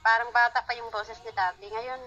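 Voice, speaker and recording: Curious woman, slightly high voice, chatter audible behind her. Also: fairly even intonation, moderate pace, highs cut off. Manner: curious, observant. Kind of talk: casual voice-room chat.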